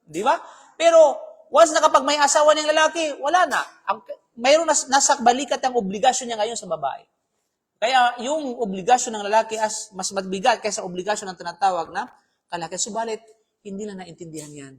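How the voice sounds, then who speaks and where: A man's voice: extremely high pitch, brisk, breathy edge. A man giving a live Islamic talk as a preacher, speaking conversationally, often checking with the audience and mixing in English phrases. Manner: conversational, keeps asking "di ba?", mixes in English phrases.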